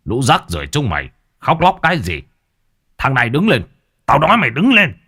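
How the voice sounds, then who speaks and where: A man voicing a brutal, hot-tempered torturer who snarls and shouts his threats. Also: medium pitch, sing-song, fast talker, husky, full character voice. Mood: savage.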